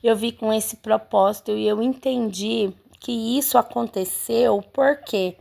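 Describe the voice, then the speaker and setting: Chatty woman with gravelly fry. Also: a little high, a little slow, a little mellow. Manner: chatty, keeps addressing viewers, many fillers. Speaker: home seamstress vlogger. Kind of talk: casual storytelling to viewers.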